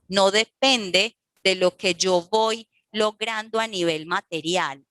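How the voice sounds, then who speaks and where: A woman's voice: medium pitch, bright, forceful tone, dry recording. A woman giving a talk to parents about emotions, explaining step by step and often checking in with her listeners. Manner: didactic, checks in with "¿sí?" and "¿listo?". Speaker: workshop speaker for parents.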